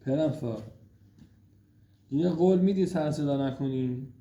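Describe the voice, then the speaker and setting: A man at home at night, gently and affectionately coaxing his small daughter to go to sleep. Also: a little high. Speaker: father putting his toddler to bed. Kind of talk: casual talk with a small child. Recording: roomy room with faint noise.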